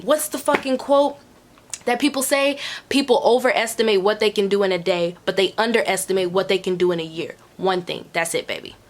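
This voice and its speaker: A woman answering viewer questions in a casual, candid way, repeating phrases for emphasis and swearing freely. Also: mid-range voice. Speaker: host of a Q&A.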